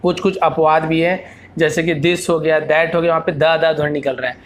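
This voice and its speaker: A male teacher explaining English phonics, asking himself questions and then answering them, and repeating example words slowly. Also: fairly high pitch, flat delivery, a little hiss or hum.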